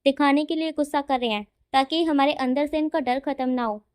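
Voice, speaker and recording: A woman voicing a calm, reassuring young man speaking to his new husband. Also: sits high, brisk, natural voice.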